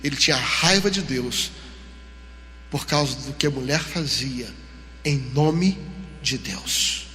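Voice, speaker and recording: Brazilian male pastor, forceful high voice, lively storytelling sermon, reverberant church hall. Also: slow, pauses often, a little hiss or hum. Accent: Brazilian Portuguese. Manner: animated storytelling, acting out dialogue.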